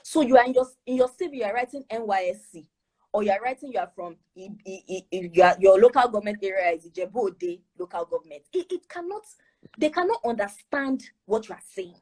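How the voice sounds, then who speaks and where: A woman's voice: medium pitch, lively intonation, fast, darkish tone. A Nigerian woman giving admissions advice on an online show, emphatic and full of rhetorical questions. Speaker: guest speaker on admissions.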